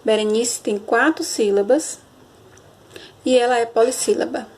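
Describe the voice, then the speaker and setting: A woman teacher, giving a recorded grammar lesson and often checking understanding with a quick question. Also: a little high. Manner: explanatory, checks understanding with frequent "certo?"; stretches and stresses example words slowly.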